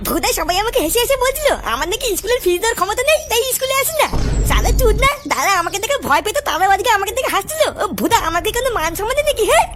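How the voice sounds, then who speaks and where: A comedy sketch performer voicing several characters in a lively, profane manner. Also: female voice, extremely high pitch, rapid-fire. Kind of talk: comic sketch acting. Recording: music playing behind.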